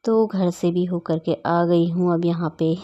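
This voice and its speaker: A woman's voice: fairly low pitch, fairly even intonation, measured pace, dark tone, muffled recording. A middle-aged woman narrating her daily routine in a casual vlog voice-over, chatty and rambling with many fillers and restarts. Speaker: vlogger.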